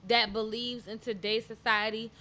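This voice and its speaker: A woman's voice: a little high, flat delivery, normal speed, bright, forceful tone, a little hiss or hum. A woman co-hosting a podcast, talking in a blunt, profane, outspoken way in casual chat. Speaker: podcast co-host.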